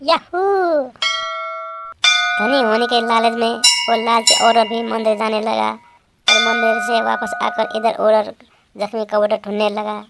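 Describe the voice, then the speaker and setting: A woman narrating a children's story in a flat, repetitive telling. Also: a little high, measured pace, gravelly, heavy background noise.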